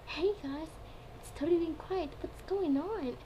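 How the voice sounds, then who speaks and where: A woman's voice: extremely high pitch, unhurried, pitched above the performer's own voice. A woman voicing a flippant, chatty young man in a fan fiction story, with an exaggerated breezy manner. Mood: breezy, indignant. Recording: clearly noisy home recording.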